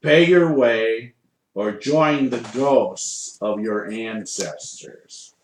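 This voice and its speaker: A man voicing a gruff, menacing hobgoblin guard in a tabletop game, challenging intruders slowly. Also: fairly low pitch, a little hiss or hum. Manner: slow, challenging delivery. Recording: roomy, echoey tabletop room.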